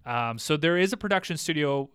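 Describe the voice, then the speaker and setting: A man's voice: on the high side, lively intonation, fairly quick, a bit bright, clean tone, dry recording, studio quality. A man hosting a podcast, recapping an episode in a rambling, playful way and acting out lines of dialogue. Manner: rambling, playful, acts out quotes. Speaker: podcast host. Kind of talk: casual chat recapping an episode.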